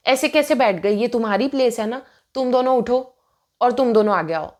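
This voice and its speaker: A bossy male schoolteacher lecturing a class in a stern, scolding tone, as a young woman quotes him. His voice stays a little high and ordinary, with little effort made to disguise it. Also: normal speed, darkish tone, lightly acted.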